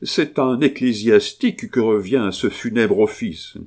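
A man's voice: on the low side, unhurried, darkish tone, pitched above the performer's own voice. A hesitant, hypocritical abbé, as a man puts him on. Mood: insistent. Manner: hesitant, stammering. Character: hypocritical priest, hesitant and insistent.

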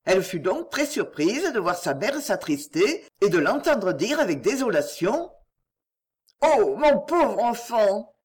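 A woman reads a classic novel aloud in scripted narration. Her reading is measured and expressive, with a lively, animated melody through long sentences. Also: mid-range voice, slightly rough. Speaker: audiobook narrator.

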